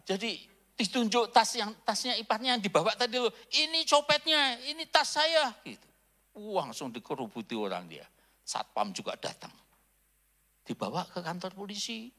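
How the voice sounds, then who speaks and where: A male pastor preaching a sermon in a casual storytelling way, jumping between loud high bursts and hushed near-whispers. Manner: casual, with frequent filler "gitu".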